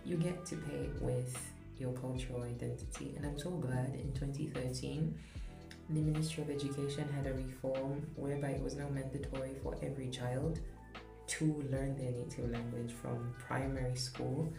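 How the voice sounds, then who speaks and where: With background music in an echoey space, a young adult vlogger from Zambia offers sincere, candid opinions and small laughs. The voice is mid-range with vocal fry, level in tone and normal in speed.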